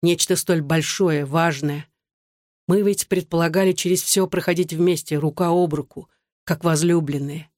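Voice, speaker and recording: An audiobook reader voicing a weary man on the run who speaks quietly and soothingly. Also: fairly high pitch, steady tone, normal speed, dry recording, clean studio sound, lightly acted.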